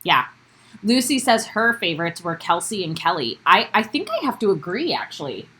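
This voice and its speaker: Speaking at a normal speed in a lowish, sharp, sing-song voice, this young woman co-hosts a recap podcast. It's a casual live-streamed chat from her home bedroom, where she laughs a lot, keeps things upbeat and calls out viewers by name.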